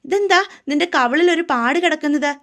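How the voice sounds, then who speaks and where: A woman's voice: sits high, fairly quick, a bit bright, voice pushed up. A woman doing a prying, scolding mother. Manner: prying, scolding, insistent questions. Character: nagging, suspicious middle-aged mother.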